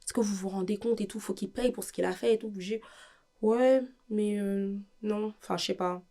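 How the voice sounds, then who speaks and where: A woman's voice: medium pitch, fairly quick. A woman with a French accent, a guest giving an emotional testimony, acting out the lines of the people in her story. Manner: animated storytelling, acts out quoted dialogue.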